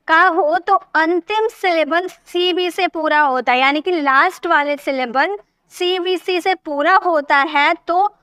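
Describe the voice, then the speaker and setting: A woman's voice: high voice, a bit bright, dry recording. A woman teaching a spoken English lesson, patiently repeating points and checking that learners follow.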